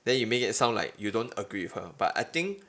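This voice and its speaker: A man's voice: on the low side, sing-song, fast talker, a bit bright. A young adult man with a Singaporean accent in a casual podcast chat, using colloquial Singlish phrasing. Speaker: podcast host.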